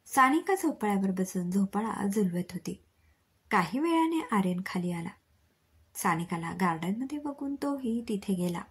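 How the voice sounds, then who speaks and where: Woman storyteller, breathy soft voice, mid pitch, steady storybook narration. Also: normal speed.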